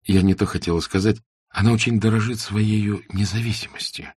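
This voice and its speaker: A man voicing a shy, observant young woman in a classic novel audiobook, speaking softly and earnestly. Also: fairly low pitch, steady tone, fairly quick, slightly rough, no echo, studio quality, pitched above the performer's own voice. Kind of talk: audiobook character reading.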